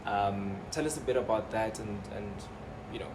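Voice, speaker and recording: A man's voice: on the low side, normal speed. A man hosting a casual interview, chatty and laughing easily. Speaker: interview host. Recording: noisy room ambience.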